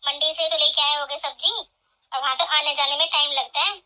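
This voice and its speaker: A woman voicing a domineering, taunting mother-in-law in an animated family drama, who scolds sharply. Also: high-pitched, a little fast, rough recording. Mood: scolding. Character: bossy, scolding middle-aged mother-in-law.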